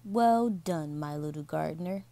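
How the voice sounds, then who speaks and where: A woman voicing a kind, patient old grandfather in a children's story, speaking gently and slowly. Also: low-pitched. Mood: proud.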